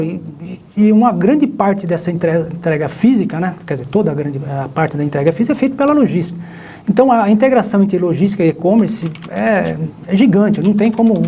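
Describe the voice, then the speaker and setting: A man's voice: high voice, dark tone, a little hiss or hum. A male professor with a Brazilian Portuguese accent, explaining logistics in a live online class, rambling with many restarts. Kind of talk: live online lecture chat.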